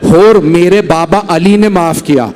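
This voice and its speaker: A preacher voicing a gentle, forgiving holy leader. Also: male voice. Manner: slow, low, tender voice.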